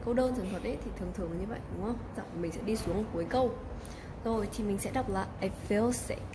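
A woman's voice: medium pitch, noisy background. A woman, teaching English patiently, repeating model phrases and checking in often. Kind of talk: teaching a recorded lesson.

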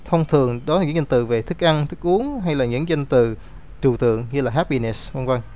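A man's voice: mid-range voice, expressive, moderate pace, a little mellow. A man teaching an English grammar lesson, explaining rules step by step and reading out example words.

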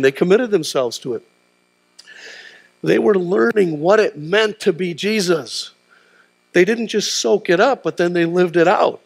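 The voice is high-pitched and gravelly: a middle-aged pastor delivering a sermon as he moves across the stage of a large church auditorium. He keeps prodding listeners with call-and-response tags such as "huh?"

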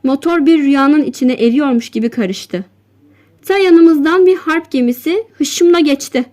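A woman narrating a literary short story in a slow, measured reading voice. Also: sits high, darkish tone. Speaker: audiobook narrator. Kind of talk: scripted narration.

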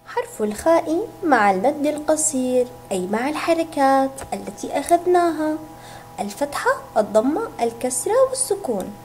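A woman teacher giving a recorded reading lesson to young children, sounding out syllables slowly and stretching each word. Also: sits high, big pitch swings, darkish tone, faint music behind. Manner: slow, drawn-out syllables, sounding words out. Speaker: kindergarten teacher.

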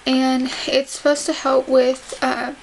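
Slowly and carefully, a young adult vlogger talks to her camera about recovering from surgery, her jaw hardly moving. Her voice is high and creaky with a flat melody, and faint background noise runs through the home recording.

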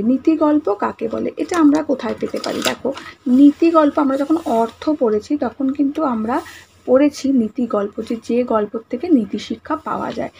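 A woman teacher with a slightly high voice walks the class through answers, speaking softly because talking is hard today. She repeats each answer and checks that the children follow. Faint noise hums in the background. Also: vocal fry, low-quality recording. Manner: patient, repeats answers and asks the class questions. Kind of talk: online class lesson.

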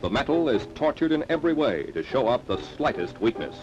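A man's voice: medium pitch, sing-song, fairly quick, over music. Man narrating an old newsreel. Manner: dramatic announcer delivery. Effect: old newsreel recording. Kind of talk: scripted 1950s newsreel narration. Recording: dull lo-fi sound with faint hiss.

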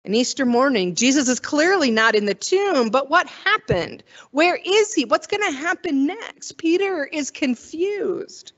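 A woman's voice: high voice, expressive, unhurried, few pauses, a bit bright, lo-fi sound. A woman pastor giving a sermon in a conversational way, wondering aloud and acting out the quoted voices.

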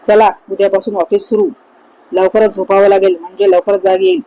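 A woman's voice: mid-range voice, big pitch swings, a little fast, gravelly, dark tone, no room sound, low-quality recording. A woman reading the part of a teasing young man in a spoken horror story. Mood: casual. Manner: easygoing, joking.

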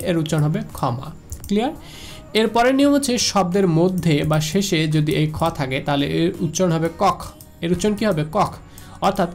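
A man with a Bangladeshi Bengali accent giving a slide lecture, repeating each rule and asking the listener questions. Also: high voice. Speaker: teacher. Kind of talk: slide lecture on pronunciation rules.

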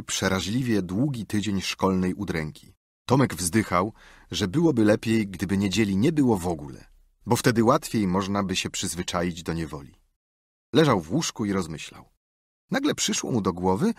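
A man narrating an audiobook with expressive, lively storytelling. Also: fairly low pitch, slightly rough, no room sound, clean studio sound. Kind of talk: scripted narration.

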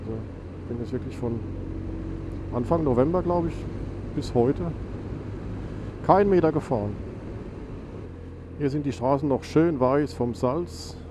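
A man's voice: medium pitch, a little slow, long pauses. Stuffy-nosed man on a motorbike. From Germany. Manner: rambling, self-correcting, lots of fillers. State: stuffy, nasal from a cold. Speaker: motovlogger. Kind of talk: casual chat while riding. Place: outdoors on a motorcycle on a country road. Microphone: helmet mic on a motorcycle. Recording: noisy motorcycle wind and engine.

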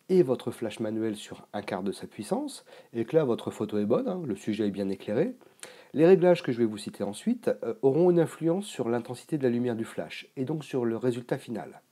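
Male tutorial host, warm and dark-toned voice, relaxed conversational teaching. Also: mid-range voice. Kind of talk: explanatory tutorial.

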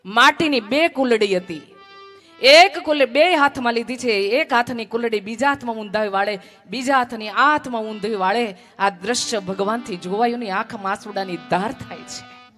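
A fairly high-voiced woman tells a sacred story to a village gathering, rising into bold repeated phrases and sinking to hushed tones. Soft instrumental music plays behind her. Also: moderate pace. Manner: dramatic, repetitive emphasis, voice swells and drops. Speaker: storyteller at a religious recital. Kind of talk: devotional story narration with acted dialogue.

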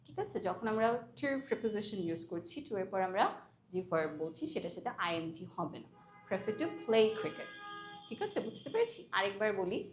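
A woman with a Bangladeshi accent teaching spoken English, patiently correcting students and slowly modelling phrases. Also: mid-range voice, very animated, reverberant, soft background music. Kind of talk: language coaching in class.

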